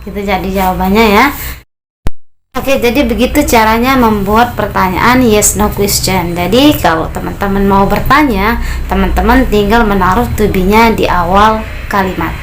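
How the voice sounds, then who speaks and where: A woman teaching an online English lesson, explaining step by step and slowing down for example sentences. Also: medium pitch, a little hiss or hum.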